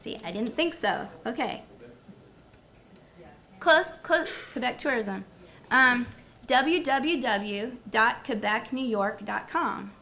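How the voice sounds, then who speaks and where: In a lecture room before a live audience, a gravelly-voiced university professor gives an engaging academic presentation at a symposium, quizzing listeners and repeating their answers. Her voice is a little high, bright and forceful. She takes it slowly and pauses often.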